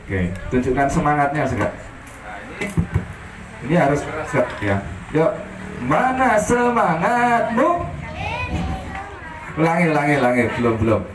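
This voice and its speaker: A man hosting a children's coloring contest, leading the kids in energetic call-and-response chants. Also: on the high side, measured pace, long pauses. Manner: energetic cheerleading, chanting and shouting prompts. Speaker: event host and organizer. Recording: echoey far-off PA with loud noise.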